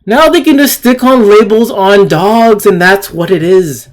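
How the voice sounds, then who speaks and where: Medium-pitched and measured, a video commentator rants with indignation over clips shared on screen. The speaker repeats phrases for emphasis and asks rhetorical questions.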